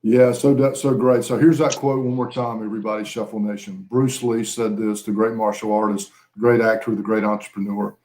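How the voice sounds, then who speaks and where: A man's voice: on the low side, flat delivery, fairly quick, few pauses, a little mellow. A man, a business coach, giving upbeat, earnest motivational talk on a video call and stretching out key words for emphasis.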